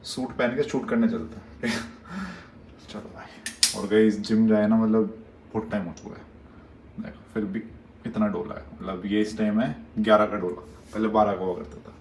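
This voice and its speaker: A man's voice: on the low side, normal speed, a little mellow, echoey room, distant mic, slight background noise. A young man chatting casually to his phone camera in a vlog, teasing and playful. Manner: playful, teasing, bursts of mock anger. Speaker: travel vlogger. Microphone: phone held in hand.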